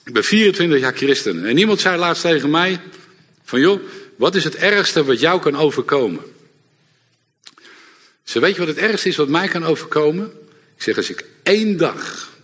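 Lively husky preacher in a reverberant hall. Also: male voice, fairly high pitch. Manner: lively, engages audience with repeated "ja?". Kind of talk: sermon. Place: church hall before a congregation.

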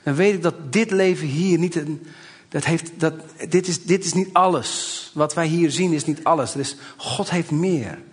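A man's voice: on the high side, moderate pace, hardly any pauses. A man in his forties, a pastor, preaching a sermon in a church, speaking conversationally and building to emphatic exhortation. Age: 40s.

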